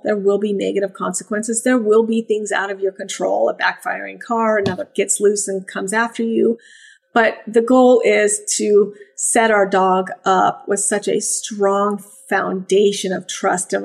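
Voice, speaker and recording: A woman who breeds and trains puppies, chatting in a casual podcast, animated and sing-song when she acts out praise and puppy voices. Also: medium pitch, gravelly.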